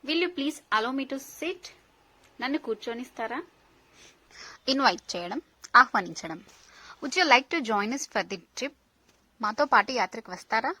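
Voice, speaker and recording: A woman teaching polite English phrases, reading each one slowly and then giving the translation quickly. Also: on the high side, animated, pushed and bright, low-quality recording. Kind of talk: slow phrase-by-phrase language lesson.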